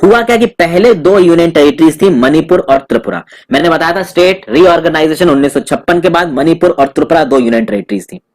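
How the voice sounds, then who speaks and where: Chatty man with a fairly high voice lecturing. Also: lively intonation, fast, few pauses, darkish tone. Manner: addresses viewers as friends, mixes English terms, explains over a map. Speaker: exam tutor. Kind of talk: exam-prep lecture.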